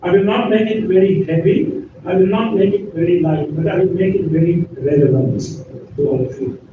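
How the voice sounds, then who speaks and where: Joking and laughing with his listeners, an older man speaks as a guest at a university, keeping his informal lecture chatty. His voice sits high at a normal speed, though the recording is dull and lo-fi, with noise, echo from the lecture hall and a distant microphone.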